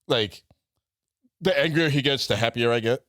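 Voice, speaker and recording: A man's voice: mid-range voice, moderate pace, fairly bright tone. A man from Brooklyn co-hosting a podcast, telling a story loosely with frequent laughs and swearing. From Brooklyn, New York. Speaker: podcast co-host. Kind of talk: casual storytelling chat.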